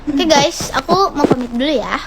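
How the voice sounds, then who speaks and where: A woman's voice: high voice, lively intonation, moderate pace, a crowd in the background. A young adult woman chatting casually with viewers and family in a home vlog. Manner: chatty, greets viewers brightly. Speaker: vlogger. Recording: noisy home video recording.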